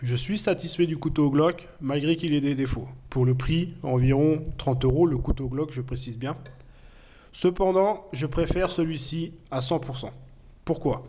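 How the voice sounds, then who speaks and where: Fairly high and mellow, this man's voice moves at a moderate pace as he gives a plain, earnest, casual review of a knife while sick with a cold. Frequent hesitations and lots of fillers mark his delivery.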